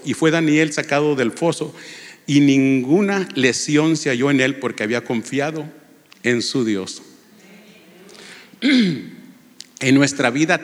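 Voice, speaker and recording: A man delivers a sermon in a church, his voice mid-pitched and earnest. He reads scripture aloud and presses his listeners with rhetorical questions. A long reverb from the hall hangs after each phrase. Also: a bit bright. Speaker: lay preacher. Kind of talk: sermon with Bible reading.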